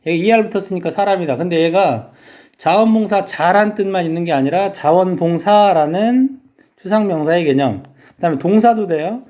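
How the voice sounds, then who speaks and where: A man's voice: sits high, normal speed, mellow. A man teaching English vocabulary in a lecture, explaining step by step and asking his students questions.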